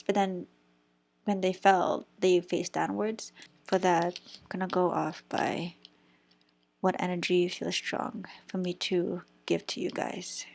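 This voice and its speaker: A young woman giving a casual tarot reading, chatting as she shuffles, thinking aloud and sometimes dropping to a whisper. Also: mid-range voice. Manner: chatty, thinks aloud, stumbles over crystal names, some whispered words. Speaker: tarot reader.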